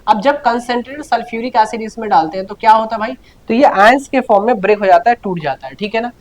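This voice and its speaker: This time the chemistry lecturer talks fast in a high-pitched voice, circling back to key terms again and again. He answers his own questions and repeatedly urges the class to pay attention and take notes.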